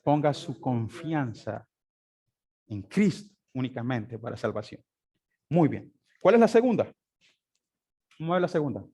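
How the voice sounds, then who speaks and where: A man's voice: medium pitch, animated, measured pace, long pauses, dark tone, slightly rough. A man teaching a Sunday school class, often asking his listeners questions and answering them himself. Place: church classroom.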